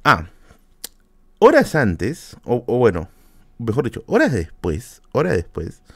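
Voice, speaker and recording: A young man, hosting a podcast and telling a family story in a casual, animated way, often repeating himself and jumping up in pitch when he quotes people. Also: slow pace, no room sound, studio quality. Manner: animated, jumps high when quoting people, repeats words, laughs often. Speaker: podcast host.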